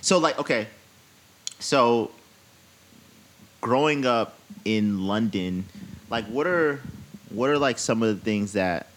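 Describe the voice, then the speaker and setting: A man's voice: mid-range voice, expressive, slow pace, pauses often, a little hiss or hum. A man hosting a podcast interview, talking in a loose, blunt way and swearing freely. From United States. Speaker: podcast host. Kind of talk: casual conversational interview.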